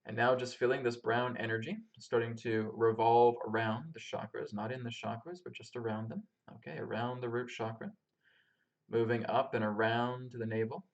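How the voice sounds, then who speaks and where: A man calmly leading a guided grounding meditation as a spiritual teacher, giving step-by-step instructions to listeners. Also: medium pitch, highs cut off. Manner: calm, instructing listeners step by step through breathing. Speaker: spiritual teacher and healer leading a live session.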